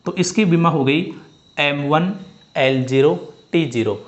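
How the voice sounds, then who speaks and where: A man's voice: on the high side, measured pace, lo-fi sound. A man teaching a physics lesson, who keeps going over the steps again and keeps asking his students whether they have understood. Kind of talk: classroom-style lesson.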